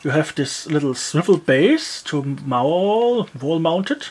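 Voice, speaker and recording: Someone with a mid-range, slightly mellow voice slowly takes apart a cheap gadget, reviewing it in an animated but rambling way. The commentary is casual and packed with "yeah" and "uh" fillers plus grumbling asides, over slight background noise.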